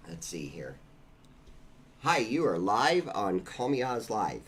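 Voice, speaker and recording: A man's voice: on the low side, very animated, slow, fairly bright tone, slightly rough. A man hosting a live call-in show, upbeat and laughing often. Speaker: host. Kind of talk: casual live call-in chat.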